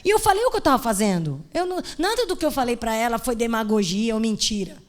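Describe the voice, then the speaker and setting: A woman's voice: on the high side, expressive, fast talker. A woman pastor from Brazil preaching at a women's conference, telling a story with humor and acting out the dialogue.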